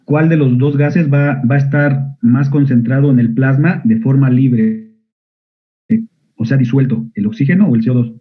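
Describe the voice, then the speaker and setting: A man's voice: mid-range voice, moderate pace. Guy teaching med students online, keeps asking questions, sounds like a phone line. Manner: asks students frequent questions, clears throat often. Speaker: medical school lecturer. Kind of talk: online physiology lecture. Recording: narrow phone-like audio.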